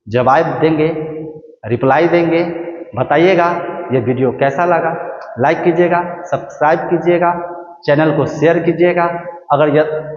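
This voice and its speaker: Male teacher, high voice, quizzes the class then answers himself; roomy, long-reverb, dull lo-fi recording. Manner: asks the class questions and answers them himself, repeats key words. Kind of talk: grammar lesson. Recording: echoey room, muffled lo-fi sound.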